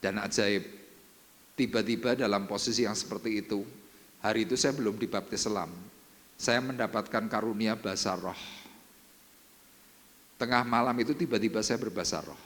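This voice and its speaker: A male pastor preaching a sermon, telling a personal testimony, dropping to hushed tones and rising to emphatic peaks. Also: lowish voice, normal speed, long pauses. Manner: animated storytelling testimony, swings between hushed and emphatic. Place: church. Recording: reverberant church hall.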